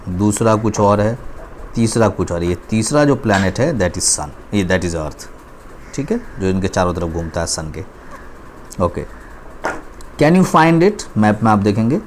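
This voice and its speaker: Male teacher, low voice, slow textbook reading, faint background hum. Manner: reads English lines slowly, then explains in Hindi. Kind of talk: reading a class textbook aloud and explaining.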